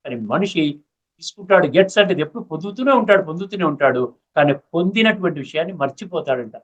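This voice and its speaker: A man gives a spiritual discourse in a high voice. He asks his listeners rhetorical questions and mixes English words into his talk. The recording sounds dull and lo-fi. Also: lively intonation, quick pace. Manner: asks the audience rhetorical questions and checks they follow. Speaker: spiritual speaker. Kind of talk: Bhagavad Gita discourse.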